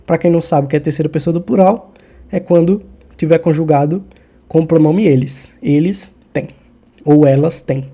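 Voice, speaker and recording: Brief: male tutor, somewhat high voice, very mellow and soft-edged, casual and friendly, often checks in with listeners. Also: normal speed. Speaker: exam-prep Portuguese teacher. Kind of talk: casual explanatory lesson.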